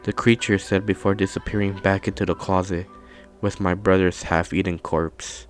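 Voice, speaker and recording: A man narrating a scary story in a calm, measured storytelling manner. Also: deep voice, soft background music. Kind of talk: scripted horror narration.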